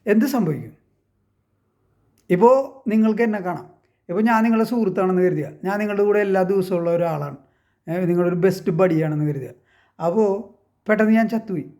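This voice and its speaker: A man with a notably high voice talks straight to his viewers in a loose, casual monologue. He retells a story step by step, pausing to ask whether they follow. He often poses questions and then answers them himself. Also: darkish tone. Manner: rhetorical, keeps asking if listeners understand. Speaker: online commentator.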